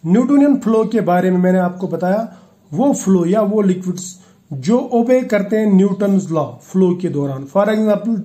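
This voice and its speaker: A man with a high, mellow voice delivers a chemistry lecture. He explains each idea step by step, slips English technical terms into his Hindi, and keeps checking that his students follow. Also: expressive, moderate pace. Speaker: chemistry teacher. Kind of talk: classroom lecture.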